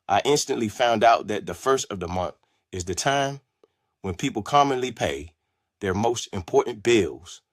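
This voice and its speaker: A man reading his own memoir aloud as an audiobook, telling it in a steady, measured way. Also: fairly low pitch, no echo, clean studio sound. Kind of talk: scripted memoir narration.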